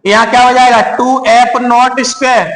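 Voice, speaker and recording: A man's voice: very high-pitched, level tone, normal speed, a bit bright. A man teaching a physics class at the board, often calling his students "beta" and answering his own questions as he works through each step. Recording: echoey room.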